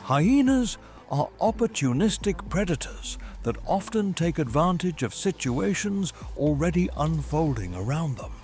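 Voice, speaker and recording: A man reads scripted nature documentary narration in a measured, formal storytelling manner. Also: on the high side, big pitch swings, a little mellow. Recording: music behind the voice. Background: background music.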